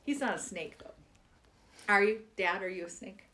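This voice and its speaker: A woman's voice: medium pitch, normal speed, bright, forceful tone. A woman reading children's poems aloud in a playful, giggly way. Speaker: poetry reader.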